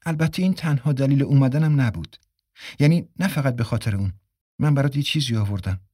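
Stubborn young wife read by a male narrator: raised pitch, insistent, dry audiobook read. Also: warm tone, no echo, lightly acted. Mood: coaxing. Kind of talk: audiobook character reading.

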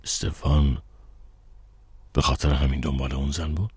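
A man reading an audiobook, voicing a curious male barman with a low, teasing, impatient tone. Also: flat delivery, slightly rough, no echo, exaggerated voice. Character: curious male barman, nosy and eager listener.

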